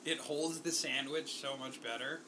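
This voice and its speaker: A man hosts a food tasting, teasing his guest and reacting to each bite with enthusiasm. His voice is a little high and sharply bright. A faint room hum runs underneath. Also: steady tone, normal speed, low-quality recording. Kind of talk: casual food tasting chat.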